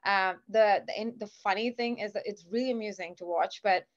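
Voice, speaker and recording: A Kuwaiti business founder in her thirties speaks fairly quickly at a medium pitch as a podcast guest. Dialing in by video from a home office, she keeps the casual interview chatty and enthusiastic, packed with fillers. The video-call recording is lo-fi and dull.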